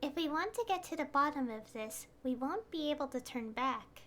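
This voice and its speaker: A woman's voice: sits high, animated, moderate pace, fairly bright tone, a little hiss or hum. A woman game streamer reading dialogue aloud and commenting on a live stream. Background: faint game music.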